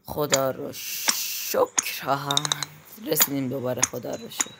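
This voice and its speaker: A woman giving let's-play commentary, anxious and exclaiming in quick repeated words, then talking herself back to calm. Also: extremely low pitch, vocal fry. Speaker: gamer playing a climbing game. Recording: loud clicking noise behind voice.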